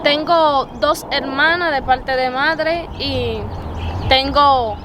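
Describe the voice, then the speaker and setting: A woman's voice: sits high, slow. A twenty-year-old woman from the Dominican Republic with a Dominican accent, giving her testimony in an interview in an earnest, hesitant way. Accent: Dominican Spanish. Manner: earnest, hesitant, with many fillers and repeated words. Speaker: interview guest, preacher. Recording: noisy outdoor recording with traffic.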